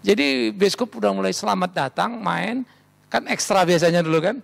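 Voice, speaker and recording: A man's voice: sits high, normal speed, gravelly. A middle-aged male pastor preaching a sermon, telling stories and acting out quoted voices. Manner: storytelling, animated, acts out quoted voices. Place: large church hall.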